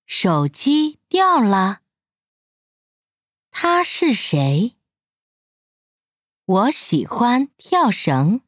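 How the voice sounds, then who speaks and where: A woman reads model phrases for a language lesson. She speaks very slowly, with wide, sweeping pitch. Her enunciation is careful, and the sound is dry and close. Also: huge pitch swings, a bit bright, no echo.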